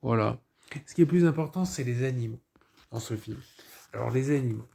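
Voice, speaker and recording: Gravelly, dark-voiced man rambling. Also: medium pitch, fairly quick. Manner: rambling, with ironic joking asides. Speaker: film reviewer. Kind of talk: casual spoken film review.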